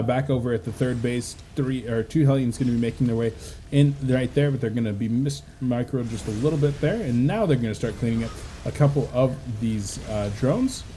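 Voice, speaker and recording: A man doing casual play-by-play commentary on a video game match, relaxed and chatty with lots of filler words. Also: mid-range voice, brisk, a little hiss or hum. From United States. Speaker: esports caster.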